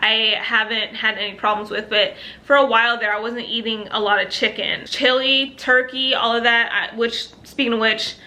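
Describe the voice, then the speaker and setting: A woman's voice: a little high, fairly even intonation, normal speed, hardly any pauses, sharp tone. A young woman vlogging, talking casually to camera in a chatty, upbeat way with bits of laughter.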